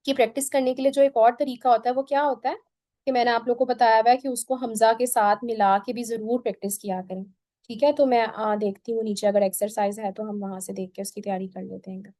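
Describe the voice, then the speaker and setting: A woman teaching Quran pronunciation in an online lesson, patiently drilling each sound by repeating it slowly. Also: fairly high pitch, fairly even intonation, mellow, no room sound.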